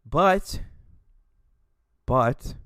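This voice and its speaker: A man's voice: medium pitch, lively intonation, very slow, fairly bright tone, clear, resonant tone, no echo, clean studio sound. A young man in a casual comedy vlog, ranting animatedly with lots of swearing and laughter. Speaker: video creator.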